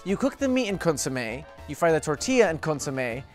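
A young man in a comedy sketch, excitable and teasing, reacting with comic overemotion. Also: fairly high pitch, fast, faint music behind.

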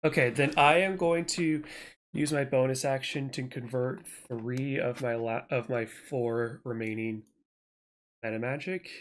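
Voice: mid-range voice, a little slow. Player planning moves at a tabletop game. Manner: talks through plans, animated. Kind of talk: tabletop game play, casual.

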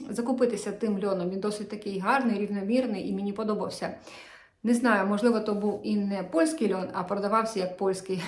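A woman's voice: medium pitch, roomy sound. A woman vlogging about cross-stitch, chatting casually and enthusiastically as she shows her work to viewers.

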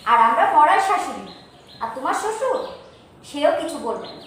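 A woman's voice: sits high, sing-song, fairly quick, a bit bright. A woman acting out a kind, fussing mother-in-law in a home skit, doting but bossy. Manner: doting and bossy, calls everyone ma. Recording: echoey room, voice from far off, faint hum.

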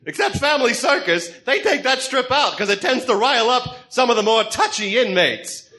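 A manic clown supervillain for a comic-book radio play. The voice is extremely high and sharp, swinging wildly up and down. The delivery is cackling, theatrical and gleefully mocking. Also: male voice, lively intonation, normal speed, full character voice. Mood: playful, sinister. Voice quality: shrill, cackling.

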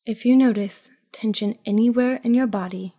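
A woman with a fairly high pitch narrates a guided sleep meditation as a sleep story, speaking calmly, softly and unhurriedly with breathy phrase endings. The audio is narrow and tinny, and a long reverberant tail trails her voice.

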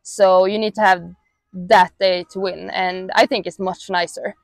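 A young woman with a Swedish accent, a native Swedish speaker, giving relaxed, halting interview answers full of fillers, outdoors on a lapel mic. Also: medium pitch, dry recording. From Sweden. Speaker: athlete interviewee. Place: outdoors in a grassy mountain meadow.

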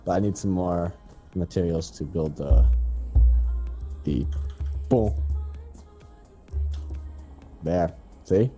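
Speaking slowly in a low, warm voice, this young gaming channel host banters with his friend during casual co-op gameplay commentary. He's playful and giggly and lets out squeals for fun, with soft background music underneath.

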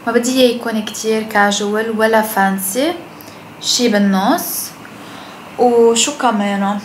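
A young adult food vlogger with a Lebanese Arabic accent chats casually to camera at home, moving between kitchen and living room. She's blunt, swears freely and mixes in English phrases. Her voice is a little high at a moderate pace, and the audio is poor, with clear background noise.

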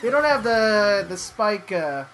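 A man's voice: sits high, sing-song, unhurried, a bit bright. A man playing through a game while chatting and reminiscing, cursing at his own mistakes. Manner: rambling, reminiscing, curses at mistakes. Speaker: let's play co-host, player. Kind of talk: casual gaming commentary. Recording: music playing behind.

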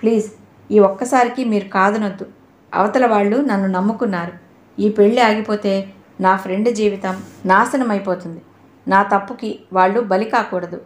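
A young woman begs and pleads insistently, as a woman acts her out. The voice sits at a middling pitch. The reading carries a roomy echo. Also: fairly even intonation, normal speed, close to an everyday voice. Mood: pleading. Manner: begging and insistent.

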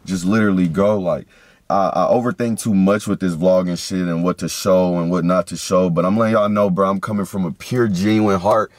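A man's voice: low-pitched, steady tone, dry recording. A man in his early twenties speaking earnestly to camera about his goals and life lessons. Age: 20s. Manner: earnest, slow, heartfelt. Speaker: vlogger. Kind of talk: reflective vlog talk to camera.

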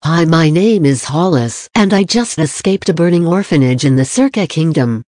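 A woman playing a wary, deadpan young refugee in a cartoon skit. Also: deep voice, moderate pace. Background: faint music.

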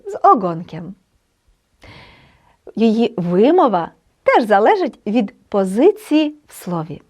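A woman teaching a language lesson online, explaining patiently and sounding out letters and words clearly. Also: sits high.

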